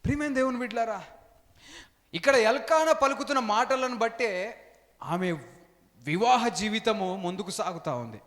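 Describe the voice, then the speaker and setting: A male pastor preaches with a high voice. He repeats his phrases and calls out hallelujah. His voice rings out with a long reverb in a large church hall. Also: lively intonation, normal speed, long pauses, fairly bright tone. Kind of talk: sermon.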